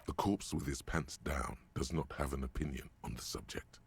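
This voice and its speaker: An actor playing a game's narrator voice, describing grim details in a darkly vivid manner. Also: male voice, extremely low pitch, normal speed, vocal fry, husky, heavily acted. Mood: grim narration. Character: deep gravelly male narrator voice of the detective's mind. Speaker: game narrator.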